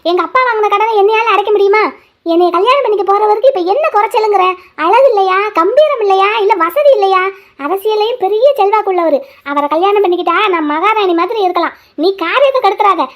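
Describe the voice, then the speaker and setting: A woman's voice: very high voice, fast talker. A woman voicing a bold young village woman in a cartoon, firm, confident and upbeat. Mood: defiant. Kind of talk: cartoon voice acting.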